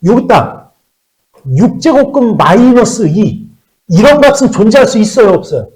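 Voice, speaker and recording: A man teaching a math class to high school students, often repeating key words and checking that they follow. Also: big pitch swings, moderate pace, darkish tone, rough recording.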